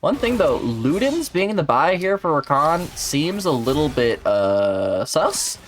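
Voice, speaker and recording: A man doing casual esports color commentary, his pitch swinging lively up and down as he chats. He talks loosely, with plenty of fillers and gamer slang, and faint music plays underneath. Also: a little slow.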